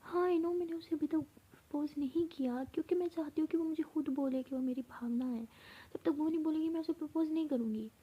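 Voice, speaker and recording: A woman voicing a lovesick young college woman who pleads through tears, halting and repeating words. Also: high voice, dull audio, slight background noise, pitched above the performer's own voice, lightly acted. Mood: tender, earnest.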